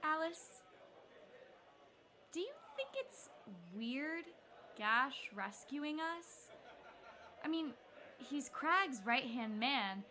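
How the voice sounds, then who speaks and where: Woman playing a bright-voiced wary young agent. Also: high voice, lively intonation, drawn-out words, pauses often, exaggerated voice. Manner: questioning, skeptical. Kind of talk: audio drama acting.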